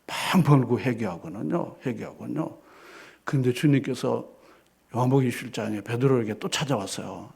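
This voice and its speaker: Gravelly, husky male pastor preaching. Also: mid-range voice, brisk. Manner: emphatic preaching with rhetorical questions; swings between loud declarations and hushed asides. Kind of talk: sermon. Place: church.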